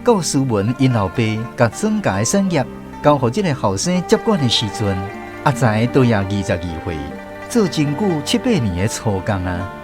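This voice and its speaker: This folksy radio storyteller, a man with a Taiwanese accent, reads a scripted tale at a moderate pace, lingering on his phrases. His medium-pitched delivery is sing-song, with background music running underneath.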